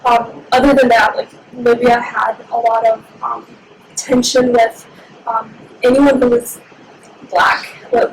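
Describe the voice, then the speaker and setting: Young woman, flat high voice, echoey room. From Egypt. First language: Somali. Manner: reflective, unhurried storytelling. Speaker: interviewee, university student. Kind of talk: personal interview. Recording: echoey room with steady background noise.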